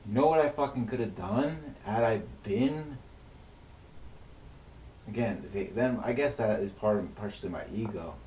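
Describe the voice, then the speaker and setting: A man's voice: lowish voice, moderate pace, a little mellow. Guy ranting and cursing on stream, echoey room, faint hiss behind. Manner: agitated, swears heavily, rants with frequent restarts. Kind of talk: unscripted venting monologue on a livestream. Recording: echoey room, mic at a distance, faint noise.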